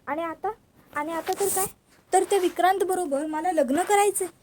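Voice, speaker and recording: A frightened, tearful young woman pleads in a high, strained voice, as a woman narrator puts her on. She sounds anxious and unsettled throughout, and faint background noise sits under the voice. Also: moderate pace, warm tone. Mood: distressed.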